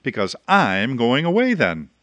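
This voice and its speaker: A man's voice: medium pitch, huge pitch swings, a little slow, a bit bright, no echo. A man voicing a fussy, determined female goose in a read-aloud storybook, with a prim, firm manner. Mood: fond.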